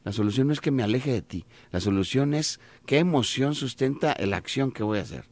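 A man's voice: mid-range voice, lively intonation, fairly quick, no room sound. A man with a Mexican accent, a studio guest on a radio talk show, speaking reflectively and stumbling a little as he starts. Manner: reflective, repeats himself when starting.

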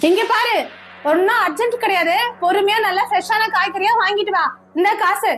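A bossy mother, played by a woman, high-pitched and quick to scold her maid. She gives orders in a comedy skit with faint music under her. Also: fairly even intonation, a bit bright. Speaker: employer and mother.

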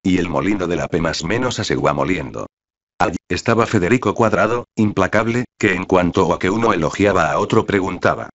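A male narrator reading a classic novel in a measured, solemn way. His voice sits deep and low. The recording is slightly dull and lo-fi. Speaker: audiobook narrator. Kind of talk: literary audiobook narration. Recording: dull lo-fi audio.

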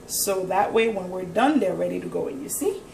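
A cooking channel host chats while she cooks at home, explaining each step of her casual demonstration. Her voice sits lowish, gravelly and slightly dark, with lively intonation at a normal speed. The recording comes from a far-off camera mic in an echoing kitchen, with noise in the background.

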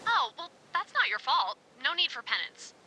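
An actress playing a brisk, sardonic woman giving orders over a walkie-talkie radio. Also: sits high, big pitch swings, bright, forceful tone, slight background noise, heavily acted. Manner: quick, breezy and sardonic.

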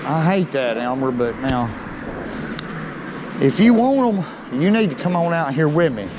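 A man's voice: a little high, measured pace. Folksy man fishing from a boat. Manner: folksy, excitable when fish bite. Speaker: fishing vlogger. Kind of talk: casual outdoor commentary. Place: small boat on a lake under a bridge, outdoors. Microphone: body-worn action camera. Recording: outdoor noise on action cam.

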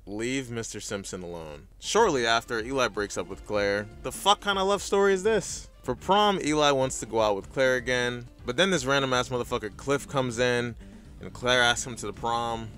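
A man's voice: medium pitch, normal speed, a bit bright, soft background music. A man hosting a recap video with casual scripted commentary, blunt, opinionated and sweary.

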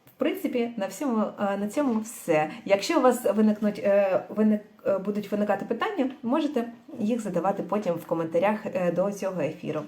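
A woman teaching a language lesson on a livestream, speaking thoughtfully with frequent pauses and fillers, and mixing in English words. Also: medium pitch, warm tone, roomy sound.

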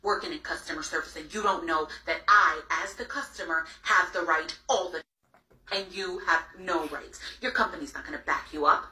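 A woman's voice: fairly low pitch, brisk, a little hiss or hum. Woman as entitled bully customer, harsh piercing voice, echoey far-off recording. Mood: contemptuous. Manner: scornful, bossy, shouting down interruptions. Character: entitled rude woman customer berating an agent. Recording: echoey playback heard from far off.

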